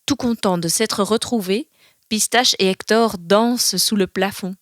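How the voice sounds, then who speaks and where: A woman reading a children's storybook aloud, softly and expressively. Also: medium pitch, unhurried, no echo, studio quality.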